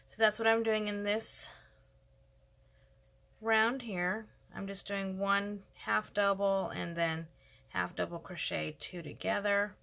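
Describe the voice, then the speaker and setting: A woman's voice: medium pitch, steady tone, takes it slowly, vocal fry, fairly bright tone. A woman hosting a casual crochet tutorial, chatting and thinking aloud as she works. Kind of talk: casual step-by-step craft tutorial.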